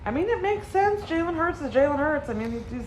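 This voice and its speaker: A woman's voice: high-pitched, expressive, brisk, a little hiss or hum. A woman co-commentating in casual sports chat, skeptical and playful with her interjections.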